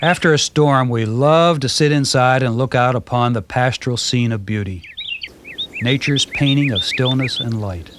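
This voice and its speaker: A man narrates in a calm, measured, gently descriptive way, his voice sitting at an ordinary middle pitch. It comes from a worn VHS tape copy with a faint hiss underneath. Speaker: narrator and host of a backyard birding video. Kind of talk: scripted documentary narration.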